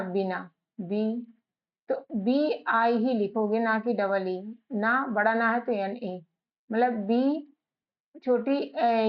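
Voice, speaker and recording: Hindi-accented lady teacher spelling stuff out real slow, bit high voice, dull lo-fi sound. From India. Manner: slow, spells words letter by letter. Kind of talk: spelling lesson, spelling out letters.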